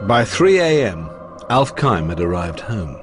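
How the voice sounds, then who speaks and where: Lively documentary narrator man. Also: lowish voice, measured pace, soft background music.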